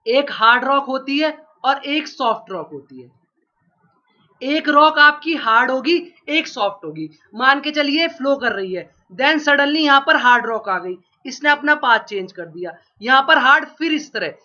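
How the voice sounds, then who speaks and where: This very high-pitched man has lively intonation, a sharp tone, and a slightly slow delivery. Teaching geography for exam prep while nursing a sore throat from a cold, he coughs now and then and drills each point by asking and echoing the answer. The recording sounds dull and lo-fi.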